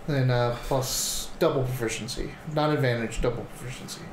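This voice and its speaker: A man chats casually as a player in a tabletop role-playing game. His mid-range voice carries in an echoey room with clear background noise. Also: medium pitch, a little fast.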